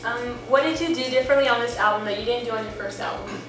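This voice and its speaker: A woman with a high-ish voice puts short, simple questions to a band. She sounds distant in a very echoey room, with music playing behind her. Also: quick pace, noisy background. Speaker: interviewer. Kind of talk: casual interview.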